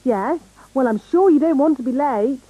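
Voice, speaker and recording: A woman voicing a bossy, brisk fairy nanny in a children's cartoon, with a British accent and a haughty, theatrical manner. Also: high voice, expressive, mellow, husky, poor audio. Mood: impatient, brisk. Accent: British English.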